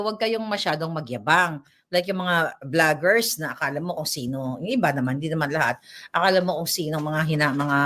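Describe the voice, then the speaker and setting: A woman doing a casual ranting commentary vlog. She is animated, keeps seeking agreement from her viewers and laughs between remarks. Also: on the low side. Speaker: commentary vlogger.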